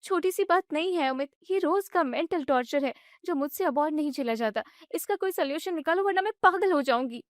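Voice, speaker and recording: A woman doing a high, protesting young daughter-in-law. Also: lively intonation, a little fast, hardly any pauses, no echo, studio quality. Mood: indignant. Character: young newlywed daughter-in-law, exasperated and argumentative.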